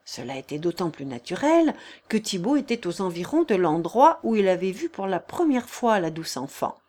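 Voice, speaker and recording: A woman reads a classic novel aloud as an audiobook narrator. Her delivery is measured and expressive, with a mid-range voice that rises with the drama. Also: medium pitch.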